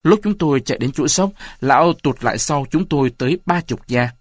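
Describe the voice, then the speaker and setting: A man narrating a story aloud in an expressive reading style. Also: fairly high pitch, a little fast, no room sound. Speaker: audiobook narrator.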